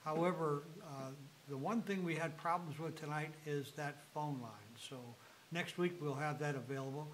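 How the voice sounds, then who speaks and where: A male host of a talk show who speaks in a friendly, rambling and halting way while interviewing a guest. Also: on the high side, slight background noise, rough recording.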